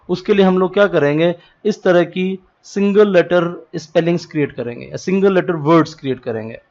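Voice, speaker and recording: A man's voice: on the high side, a little mellow. A male teacher with a North Indian accent lecturing in a classroom style, mixing in English terms and spelling letters out one by one. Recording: dull lo-fi recording.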